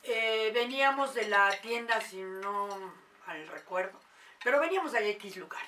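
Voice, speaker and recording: A woman, a mother telling a paranormal story in casual, animated talk. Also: mid-range voice, moderate pace, recorded from a distance, a little hiss or hum. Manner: animated, acts out quoted voices.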